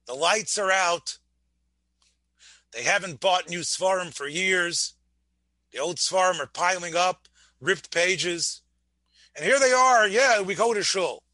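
A rabbi teaches a Torah class, asking his listeners questions, mixing Hebrew phrases into his English and often restarting words. His high voice is bright and forceful, recorded dry.

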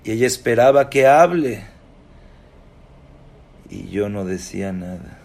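A man's voice: on the low side, lively intonation, measured pace, gravelly, darkish tone. A man telling a moral story as a religious teacher, in a dramatic, emphatic way.

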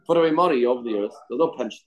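A man's voice: medium pitch, racing, muffled recording. A man gives an informal religious lesson, reading from a text and explaining it, often repeating phrases and posing rhetorical questions. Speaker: Torah teacher.

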